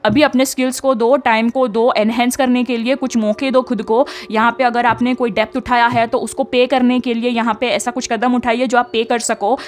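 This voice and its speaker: A young woman working as a tarot reader offers chatty spiritual guidance, often checking in with listeners, mixing English into her talk and using lots of tag questions. Her voice is fairly high with little pitch movement, at a moderate pace with few pauses.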